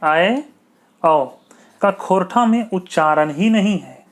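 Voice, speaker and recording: A man's voice: high-pitched, expressive. A man teaching an exam-prep grammar lesson, repeating key points and asking checking questions. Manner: slow, repetitive, asks checking questions.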